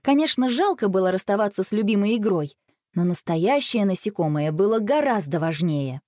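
Lively woman reading a children's story. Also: medium pitch, moderate pace, no room sound, studio quality. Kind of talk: children's audiobook narration.

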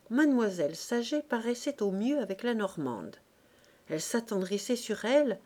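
Woman reading a classic novel aloud. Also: medium pitch. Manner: measured, even storytelling. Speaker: audiobook reader. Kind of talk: scripted narration of a classic novel.

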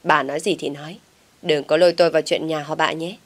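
A woman's voice: low-pitched, fairly even intonation, fast talker. A woman voicing a mocking middle-aged village woman with a snide manner.

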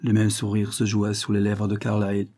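Homme à la voix sombre et voilée. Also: male voice, fairly low pitch, completely flat delivery, mellow. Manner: measured literary reading. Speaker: audiobook reader. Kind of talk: scripted narration.

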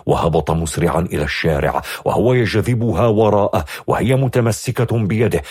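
A man narrating a story in an expressive audiobook style. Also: very deep voice, breathy edge, dry recording, clean studio sound.

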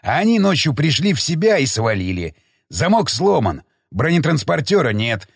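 A man's voice: fairly high pitch, sing-song, moderate pace, creaky, breathy edge, dry recording, studio quality, full character voice. Man voicing a furious, barking army commander. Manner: barking, abusive, threatening. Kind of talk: audiobook character reading.

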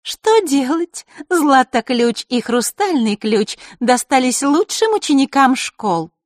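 A woman's voice: sits high, sing-song, slow pace, no echo, clean studio sound, voice pushed up, exaggerated voice. A woman voicing a sly, mocking teenage girl in an audiobook, with a sing-song, taunting delivery. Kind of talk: audiobook character reading.

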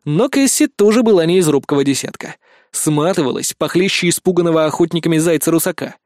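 A man reading a first-person audiobook in a wry, steady storytelling manner into a close studio mic. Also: a little high, fast, no room sound. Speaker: audiobook narrator.

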